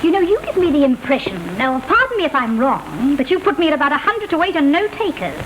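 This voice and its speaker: A woman playing an outspoken lower-class young English woman, pert and sarcastic, in witty period banter from a 1930s comedy. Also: very animated, fast talker. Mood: cheeky, breezy. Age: young adult. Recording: noisy, hissing 1930s film soundtrack.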